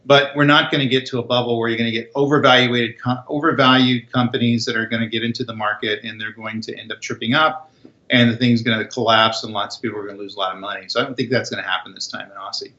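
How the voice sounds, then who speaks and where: A man's voice: mid-range voice, flat delivery, fast, sharp tone, muffled recording. A man speaking as a guest expert in a podcast interview, talking confidently and with emphasis.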